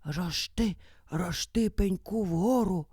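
A woman's voice: mid-range voice, expressive, slow, breathy edge, no room sound, clean studio sound. A woman voicing a frightened but sly old grandmother who whispers a charm in a storybook. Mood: whispering. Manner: soft whispering spell.

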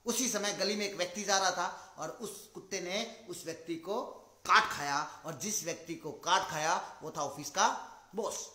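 High-voiced guy giving a pep talk, lots of repeating and questions, echoey room. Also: moderate pace, bright, forceful tone. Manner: repeats points, asks rhetorical questions. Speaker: motivational speaker. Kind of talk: motivational talk with storytelling.

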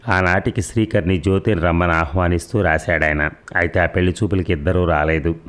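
A man narrating a serialized audio story in a steady, measured reading. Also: sits low. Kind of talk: read-aloud serial narration.

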